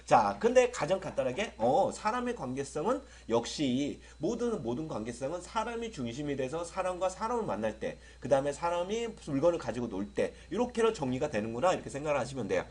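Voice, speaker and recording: A middle-aged man from South Korea teaching English grammar to students, lively and often checking whether they follow. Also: on the high side, a little fast, few pauses, breathy edge. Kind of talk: lecture to students.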